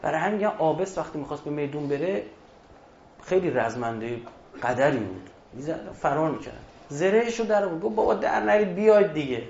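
A man preaching a religious sermon at a mourning gathering, moving between hushed storytelling and loud, emphatic exhortation. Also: a little high, very animated, slight background noise. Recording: echoey dull hall recording.

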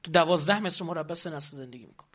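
A high-voiced man lectures with lively energy and throws rhetorical questions at his listeners. The recording has a dull, lo-fi sound. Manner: animated, rhetorical questions to the audience. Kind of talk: lecture on politics.

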